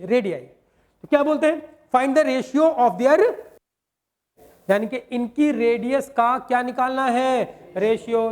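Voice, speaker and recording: A man teaches a maths lesson in a fairly high voice. He keeps asking his students rhetorical questions. He reads the English question text slowly, word by word.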